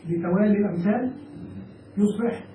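A man's voice: sits high, dark tone. A man teaching an Arabic grammar lesson, explaining step by step and often asking whether the class has understood. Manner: explains step by step, checks understanding with quick questions. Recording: echoey room, voice from a distance, faint background noise.

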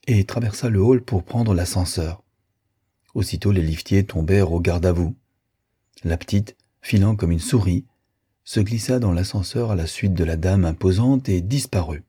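A man narrating a novel as an audiobook, in a steady, measured storytelling manner. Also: low-pitched, slightly rough.

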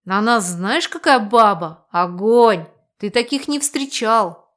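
A woman's voice: medium pitch, animated, takes it slowly, a bit bright. A woman voicing a cocky, thuggish male spirit guide who talks in street slang, in an audiobook. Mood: swaggering.

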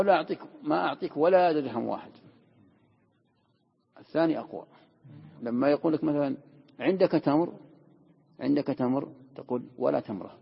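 A man's voice: mid-range voice, creaky, husky. A man teaching a classroom Quran commentary lesson, asking and answering his own questions. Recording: dull lo-fi recording in a reverberant hall.

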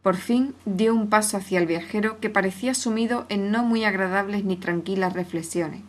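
A woman narrating a classic story aloud in a steady, clear reading voice. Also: mid-range voice, normal speed.

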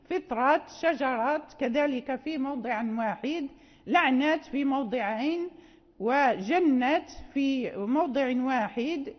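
A woman teaching Quran recitation rules in a classroom lecture, explaining patiently with frequent fillers. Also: high-pitched. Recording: dull lo-fi recording in a reverberant hall.

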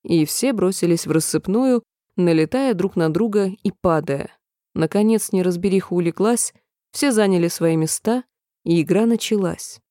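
Brief: woman audiobook narrator, mellow dark tone, dry close mic. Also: on the low side, no echo. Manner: calm, measured reading with voiced characters.

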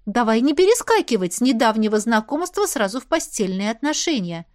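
A woman's voice: a little high, sing-song, a little fast, a little mellow. A woman voicing a young heroine who speaks heatedly and indignantly. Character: young woman heroine, hot-tempered and defensive.

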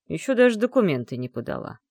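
A woman's voice: lowish voice, sing-song, fast, a little mellow, dry recording, clean studio sound. Woman voicing a cocky young dragon guy. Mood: teasing. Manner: mocking, playful. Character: cocky teasing young male red-haired dragon. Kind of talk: audiobook character voice.

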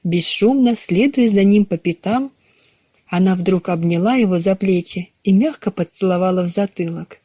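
A woman narrating a novel in a measured, even storytelling manner. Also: mid-range voice, breathy edge, no echo. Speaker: audiobook narrator. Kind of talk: scripted narration.

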